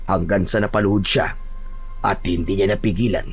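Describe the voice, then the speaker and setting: A man narrating a scripted horror story in a steady storytelling manner. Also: deep voice, brisk, breathy edge, faint music behind.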